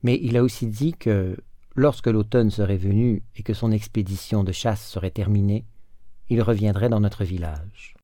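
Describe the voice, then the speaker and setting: A man voicing a gentle old priest from a storybook, speaking in a soft, moved and reassuring way. The voice sits low and mellow, and it is recorded close and dry. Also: moderate pace, dry recording, lightly acted. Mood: gently moved. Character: kindly elderly male priest, gentle.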